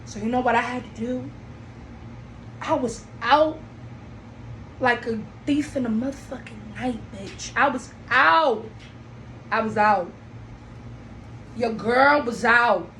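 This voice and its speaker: A young woman from Trinidad hosting a solo podcast, telling her story in a blunt, animated way and swearing freely. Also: on the high side, takes it slowly, pauses often. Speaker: podcast host. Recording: echoey room, faint background noise.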